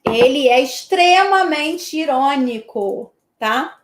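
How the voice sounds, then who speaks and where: A woman from Brazil leads an online exam-prep lesson with a high voice. She keeps it chatty, checking in with her students after nearly every point. The room around her is echoey. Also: expressive, takes it slowly. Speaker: teacher.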